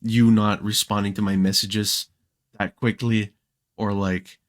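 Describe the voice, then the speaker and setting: Young male guest, low voice, loose and chatty, dry close mic. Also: measured pace, dry recording. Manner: relaxed storytelling with frequent fillers and restarts. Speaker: podcast guest, Minecraft creator. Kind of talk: casual podcast chat.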